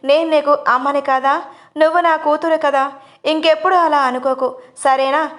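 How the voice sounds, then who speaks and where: A woman voicing a loving middle-aged mother who coaxes and comforts gently in a storybook reading. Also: high-pitched, fairly even intonation, moderate pace. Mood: tender scolding. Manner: tender, coaxing.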